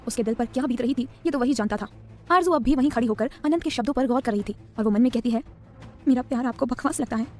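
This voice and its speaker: A woman's voice: fairly high pitch, quick pace, dark tone, faint music behind. A woman narrating an audiobook story.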